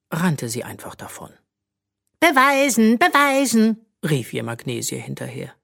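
A woman reading a children's story aloud, narrating with an expressive, animated manner between the characters' voices. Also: very deep voice, vocal fry.

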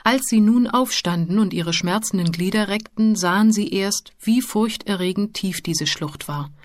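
A woman narrating a children's storybook in a calm, even manner. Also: mid-range voice, moderate pace, no echo. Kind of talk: audiobook narration. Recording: dry close studio sound.

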